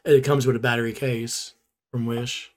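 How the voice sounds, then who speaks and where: A man's voice: medium pitch, little pitch movement, moderate pace, darkish tone. A man co-hosting a podcast, chatting casually in a rambling, easygoing way. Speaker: podcast co-host. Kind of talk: casual chat.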